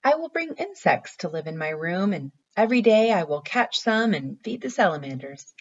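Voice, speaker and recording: A woman's voice: mid-range voice, sing-song, normal speed. A woman reads as an earnest young boy in a bedtime storybook, full of imaginative plans. The recording is a little dull and muffled. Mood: dreamy, assured. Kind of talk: bedtime story read aloud.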